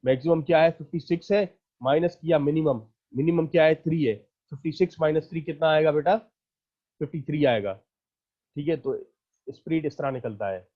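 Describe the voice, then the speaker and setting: A man's voice: fairly high pitch, a little fast, muffled recording. A man teaching an online math class. He explains each step patiently, counts the items aloud and checks in with his students again and again.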